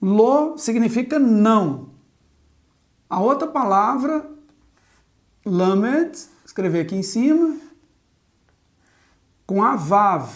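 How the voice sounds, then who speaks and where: Standing at a board, a woman who teaches Hebrew sounds out letters individually and invites the viewer to say them back. Her voice sits fairly high and is expressive, and she speaks slowly with long pauses in this patient lesson.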